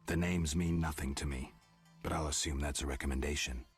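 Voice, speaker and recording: An actor playing a gruff, stoic warrior for hire in a video game, terse and deadpan. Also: male voice, extremely low pitch, fairly quick, faint music behind, exaggerated voice. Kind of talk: video game dialogue acting.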